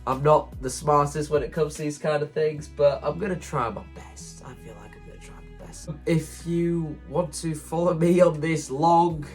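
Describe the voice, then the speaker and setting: Presenting a concept for a stage play, this male video creator speaks in a mid-range voice made slightly stuffy by hay fever. His manner is informal and self-deprecating, rambling a bit like a vlogger, with faint plucked guitar music in the background.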